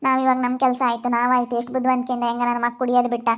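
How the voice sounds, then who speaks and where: A woman's voice: fairly high pitch, level tone, a little fast, natural voice. A woman playing a firm middle-aged mother who consoles her daughter-in-law. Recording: dull lo-fi audio.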